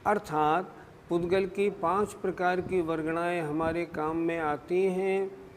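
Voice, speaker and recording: A male religious scholar explains scripture at a slow, deliberate pace, often posing a question and then answering it. His voice sits high. It rings in a long hall reverb over a faint background hum. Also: fairly even intonation. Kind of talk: scriptural discourse.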